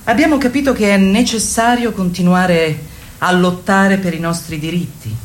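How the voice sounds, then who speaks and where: In a radio play, a woman acts as a commanding, encouraging feminist workshop leader, exhorting her group with theatrical, rhetorical fervour. Her voice is on the low side, close to an everyday voice, at a normal speed. The declamatory delivery sounds solemn and fervent.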